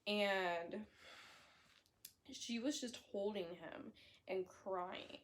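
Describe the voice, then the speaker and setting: A young woman talks through a horror story in an easy, chatty way at a mid pitch. She corrects herself as she goes and fills gaps with likes and ums. She is blunt and swears now and then. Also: drawn-out words. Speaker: book reviewer. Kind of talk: casual book recap.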